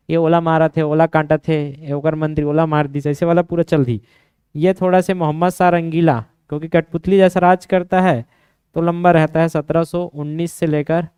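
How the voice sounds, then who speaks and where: High-voiced man drilling history mnemonics. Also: a little mellow, clean tone, no room sound, studio quality. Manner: drills students with quick questions and mnemonics. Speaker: teacher. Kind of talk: exam-prep lecture.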